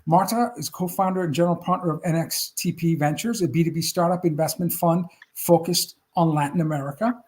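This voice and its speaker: A man's voice: fairly high pitch, brisk, few pauses, a little mellow. A man co-hosting a talk show over a video call, formally reading prepared introductions. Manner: formal, reads prepared praise. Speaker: co-host.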